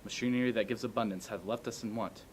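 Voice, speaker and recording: A man giving an earnest recitation of a speech with measured, declamatory phrasing. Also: fairly even intonation, poor audio. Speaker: amateur performer. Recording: faint noise and low rumble.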